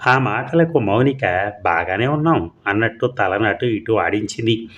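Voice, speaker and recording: A man narrating a humorous story in a relaxed, storybook style with playful asides. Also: lowish voice, a little slow, muffled recording.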